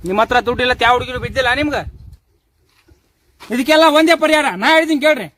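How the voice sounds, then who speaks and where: A man voicing an overexcited ad announcer with a North Karnataka Kannada accent and a pushy sales pitch. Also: quick pace, dry recording. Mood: hyped. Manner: hyped sales pitch, shouty.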